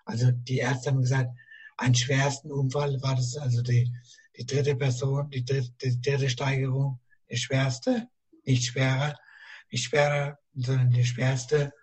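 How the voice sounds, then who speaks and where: Man with a rough, strained voice. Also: medium pitch, little pitch movement, darkish tone. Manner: halting, repeats himself. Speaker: interview guest. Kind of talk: casual interview talk.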